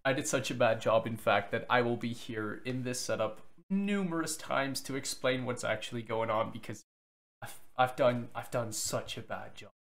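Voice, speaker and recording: A man's voice: mid-range voice, normal speed, fairly bright tone. Rambling self-deprecating male vlogger. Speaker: vlogger host. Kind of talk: casual to-camera explanation.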